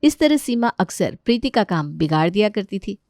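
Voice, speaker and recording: A woman narrating a cartoon family story in a plain, even way. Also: mid-range voice, normal speed, dry recording, clean studio sound.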